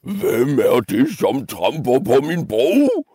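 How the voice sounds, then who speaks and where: A man's voice: mid-range voice, wildly swooping pitch, mellow, slightly rough, no room sound, studio quality, pitched above the performer's own voice. A man doing a bellowing bridge troll. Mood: menacing. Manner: bellowing, threatening. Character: huge grumpy male troll under a bridge.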